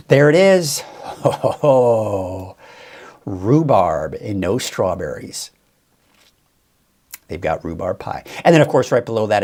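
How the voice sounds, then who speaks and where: Male weather host, lowish and lively in pitch, loose and rambling live-stream delivery. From Northern California. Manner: chatty, rambling, thinks aloud with fillers. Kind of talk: casual live-stream forecast chat.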